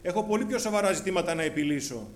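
A man's voice: high-pitched, animated, slight background noise. A man preaching a sermon to his congregation, emphatic and repetitive, often calling them brothers.

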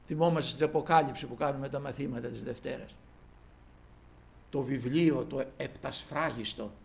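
A man preaching a sermon, addressing listeners as brothers and retelling scripture in lofty old phrasing, swinging from loud cries to hushed asides. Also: medium pitch, gravelly, slight background noise.

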